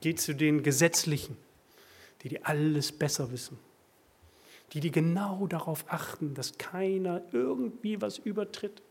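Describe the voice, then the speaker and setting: A man preaching a sermon, swinging from loud emphatic bursts to quiet asides. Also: a little high, a little slow, husky. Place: church.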